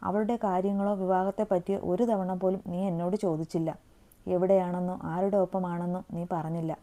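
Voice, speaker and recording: A woman's voice: on the low side, level tone, normal speed, mellow, close to an everyday voice. A woman voicing a hurt but loyal young man who reproaches his friend in an earnest storytelling voice. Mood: reproachful.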